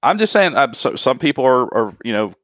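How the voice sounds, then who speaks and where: A man's voice: medium pitch, sing-song, fairly bright tone, no echo, muffled recording. A man in his forties hosting a casual podcast chat, often stumbling and repeating words. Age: 40s. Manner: halting, repeats words while restarting. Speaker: podcast host.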